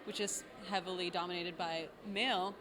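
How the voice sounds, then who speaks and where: A young woman composer from Argentina, answering interview questions in a relaxed way and often saying "like". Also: fairly low pitch, moderate pace, crowd noise. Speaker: composer and singer. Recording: noisy background.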